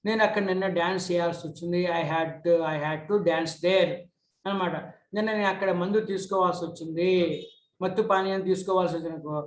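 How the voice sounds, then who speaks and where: A middle-aged man who speaks Telugu as his first language teaches English grammar. He reads English examples slowly, then explains them quickly. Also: high voice. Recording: echoey room.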